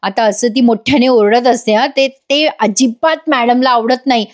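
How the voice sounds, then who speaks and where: A woman narrating a lively voice-over recap of a TV serial episode, talking to her viewers. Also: a little high, moderate pace. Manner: lively storytelling, addresses viewers. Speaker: TV serial reviewer.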